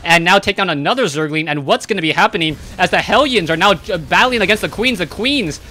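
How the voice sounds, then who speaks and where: A man calling live play-by-play of a strategy game match, brisk and narrating each move, lifting his voice as the fights heat up. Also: high-pitched, lively intonation, sharp tone. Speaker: esports caster. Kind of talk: play-by-play commentary.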